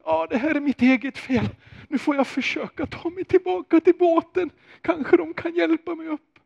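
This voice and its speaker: A man's voice: very high-pitched, steady tone, gravelly, darkish tone, lo-fi sound, voice pushed up. A preacher doing a panicky sinking fisherman. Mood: self-blaming. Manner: panicky, self-blaming. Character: frightened sinking fisherman disciple, man.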